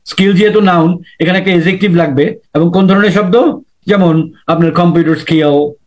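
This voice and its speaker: A man's voice: high voice, a little fast. A man whose first language is Bengali, teaching an exam lesson, explaining step by step with examples and repeating key points. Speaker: IELTS teacher. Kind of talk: lecture-style lesson.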